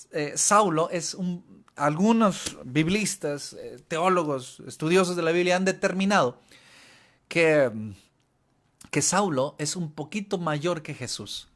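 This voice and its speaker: A man's voice: on the high side, a bit bright. A man with a Mexican Spanish accent preaching a sermon as pastor, impassioned, repeating phrases for emphasis and often restarting them. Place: church.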